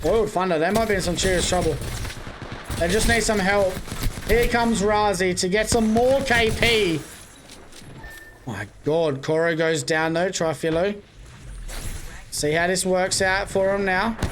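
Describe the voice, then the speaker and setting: A man's voice: high-pitched, steady tone, background noise. A young man doing casual live play-by-play commentary on an esports match. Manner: quick, running play-by-play with casual asides. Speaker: esports caster.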